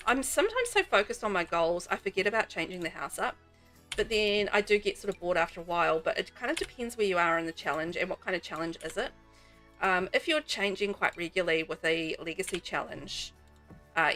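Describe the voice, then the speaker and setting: A woman's voice: medium pitch, bright, forceful tone. A woman from New Zealand with a New Zealand accent, streaming a game and chatting casually with viewers in a rambling way. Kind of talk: casual chat while playing.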